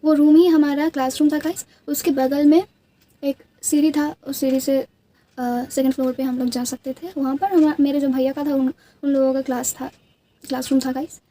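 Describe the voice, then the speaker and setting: Young woman, Bengali accent, native Bengali speaker; high, mellow voice; casual rambling beauty-vlog storytelling with restarts. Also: little pitch movement, normal speed. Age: young adult. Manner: chatty, rambling, many restarts and fillers. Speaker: beauty vlogger.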